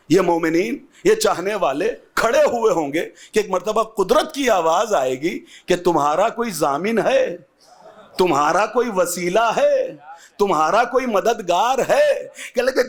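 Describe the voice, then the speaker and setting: High, gravelly, husky preaching man. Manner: declaiming loudly with sung, chanting cadences; breaks into dramatic quoted dialogue. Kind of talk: impassioned majlis sermon.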